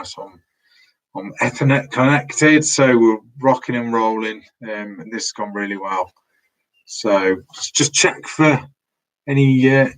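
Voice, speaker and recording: A man with a lowish, fairly bright voice hosts a casual live stream from his room at home, heard through a laptop mic with poor audio. He's losing his voice, and he rambles chattily, restarting his sentences often.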